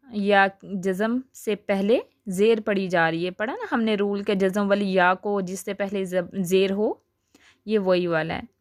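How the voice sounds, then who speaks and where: A woman teaches recitation rules in a patient, explanatory voice of middle pitch. She draws out each example syllable slowly and deliberately. The recording is dry and close, with no room sound. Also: dry recording. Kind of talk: recorded tajweed lesson.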